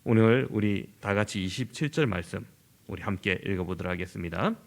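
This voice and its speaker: A middle-aged man from southern Korea, a senior pastor preaching a sermon in an animated way and acting out everyday conversations. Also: fairly low pitch, a little fast, gravelly. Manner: animated, acts out everyday dialogue in lively voices.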